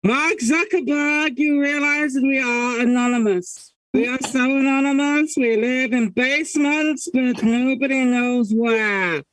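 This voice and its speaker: A defiant, boastful internet hacker, played by a comedy performer, speaks into a mug, which makes the voice hollow and muffled. The delivery is slow and dry, without any room echo. Every line lands as a grand declaration. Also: sits high, fairly bright tone. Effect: voice talking into a mug, hollow and muffled. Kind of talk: improvised comedy roleplay.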